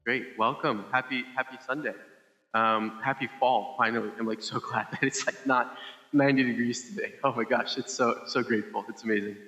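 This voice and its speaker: A male pastor gives a relaxed, conversational sermon, his voice bright and forward. He talks loosely, with plenty of fillers and restarts. The microphone sound is a little dull and rings with long reverb from a large hall. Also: medium pitch, brisk, soft background music. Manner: chatty, with many fillers and restarts. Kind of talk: casual sermon. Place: church service.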